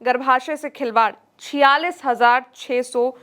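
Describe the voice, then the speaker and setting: High-pitched woman presenting news. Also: fairly even intonation, unhurried, a bit bright. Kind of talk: scripted news narration.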